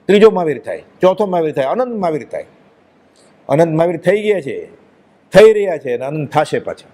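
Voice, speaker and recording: An emphatic man delivers a devotional discourse, pressing his points with rhetorical questions. His voice is somewhat high for a man. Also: big pitch swings, a little fast, darkish tone. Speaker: religious speaker.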